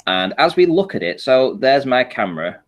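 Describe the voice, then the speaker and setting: With a mid-range voice, he sounds very animated while keeping a moderate pace. As a panel guest, he gives an informal explanation of a photo analysis, stepping through the images and confirming listeners are with him.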